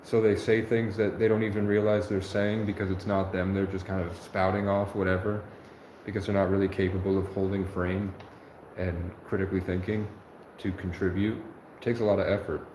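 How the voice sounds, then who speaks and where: Low-pitched and darkish in tone, a livestreamer in his twenties talks at a moderate pace with little pitch movement. His monologue rambles earnestly, broken by frequent self-corrections, and the echoey room carries faint noise.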